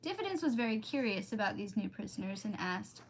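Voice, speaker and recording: A livestreamer reads a storybook aloud and chats informally with viewers, wandering off on tangents. Her mid-range voice swings widely in pitch and moves briskly. The rough recording carries a little hiss or hum.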